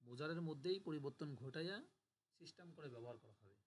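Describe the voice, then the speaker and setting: A man's voice: fairly high pitch, quick pace. Man teaching a patient grammar drill. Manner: patient, repeats forms aloud for drilling. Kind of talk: online class lecture.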